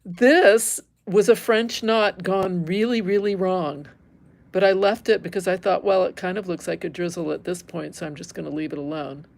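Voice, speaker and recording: This embroidery teacher, a middle-aged woman from Northern California, talks conversationally and candidly on her livestream, musing aloud while her hands work. She speaks at a normal pace in a steady, lowish voice that is gravelly and a touch mellow.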